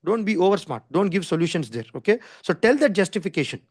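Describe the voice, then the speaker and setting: A man with an Indian English accent teaches an online class at a rapid clip. His voice sits a little high and sounds dry and close. He explains insistently and informally, repeating points and often checking for understanding. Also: big pitch swings, slightly rough, no room sound. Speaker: design skills instructor. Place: online video call with screen share.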